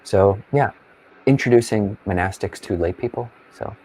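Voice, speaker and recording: A man's voice: lowish voice, moderate pace, darkish tone, husky, rough recording. A man who is a Buddhist monk, chatting casually and unscripted as a guest.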